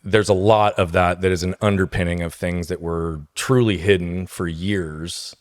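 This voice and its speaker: A man with a very low, deep voice talks as a podcast guest. He tells his story with emphasis and keeps checking in with his listeners. The recording is dry and close, with no room sound. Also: steady tone, moderate pace, dry recording. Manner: emphatic, tags points with "right?". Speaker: guest speaker. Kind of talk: podcast interview, personal storytelling.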